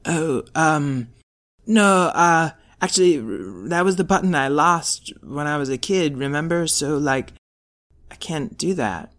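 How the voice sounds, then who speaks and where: A man's voice: fairly high pitch, expressive, a little slow, a bit bright. A man voicing a laid-back, mopey young robot who talks in a hesitant slacker drawl for a children's story. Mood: dejected. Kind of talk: character voice in a children's audio story.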